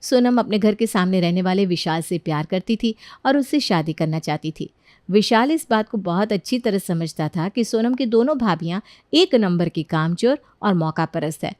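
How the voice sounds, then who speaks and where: A woman narrating a cartoon story in calm, scripted storytelling. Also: medium pitch, moderate pace, no echo, clean studio sound.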